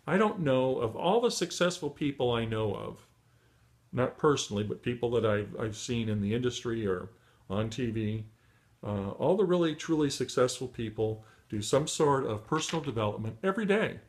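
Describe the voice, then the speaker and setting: Middle-aged guy coaching newbies, pep-talk vibe, lots of uhs and ums, voice getting hoarse. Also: medium pitch, sing-song, normal speed. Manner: encouraging, many fillers and restarts. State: losing his voice. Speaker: online marketing trainer. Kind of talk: motivational training talk.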